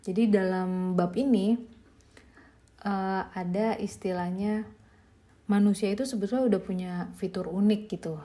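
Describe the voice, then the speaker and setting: A woman's voice: mid-range voice, steady tone, normal speed, pauses often, warm tone. A young woman, a mother, chatting casually as a podcast host reviewing a book, informal and easygoing with light laughs.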